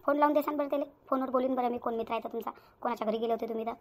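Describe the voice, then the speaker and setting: A woman voicing a suspicious high-voiced young wife. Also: steady tone, racing, a little mellow, lightly acted. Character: suspicious young wife grilling her husband. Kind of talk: cartoon voice acting.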